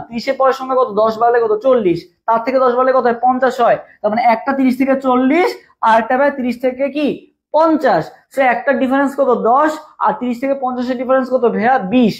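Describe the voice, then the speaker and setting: A young man, teaching a live online class for admission tests and drilling students with repeated questions. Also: very high-pitched. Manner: asks viewers to type along in the comments. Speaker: admission test tutor. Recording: dull lo-fi stream audio.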